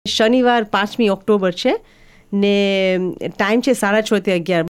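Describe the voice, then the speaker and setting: A woman's voice: medium pitch, normal speed, clean tone. A woman guest on a studio radio interview, explaining a community event at length and switching between Gujarati and English.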